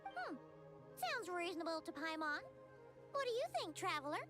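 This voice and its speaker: A woman voicing a tiny, perky, cheeky childlike fairy companion in a video game, with a squeaky voice. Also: very animated, normal speed. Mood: curious, perky. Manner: speaks of self in third person, exclamatory. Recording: game music behind the voice.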